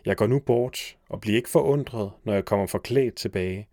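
A man's voice: lowish voice, mellow, no echo, studio quality, lightly acted. A man voicing a young hero in a storybook reading, earnest and commanding. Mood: resolute. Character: young male hero, resolute.

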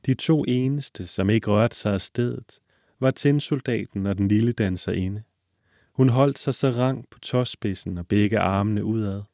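A man reading a classic fairy tale aloud in a calm, measured storytelling manner. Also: fairly low pitch, creaky, no room sound, clean studio sound. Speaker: narrator.

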